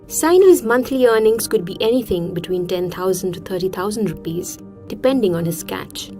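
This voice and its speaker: A woman delivers scripted nature documentary narration. Her pitch sits in the middle range for a woman, and soft music plays behind her as she tells the story as narrator. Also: animated, normal speed.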